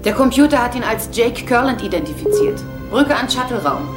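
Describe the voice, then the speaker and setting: An actress playing a brisk female starship security lieutenant, making clipped, urgent reports in a dubbed science fiction drama. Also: a little high, sing-song. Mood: alert, urgent. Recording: loud music underneath.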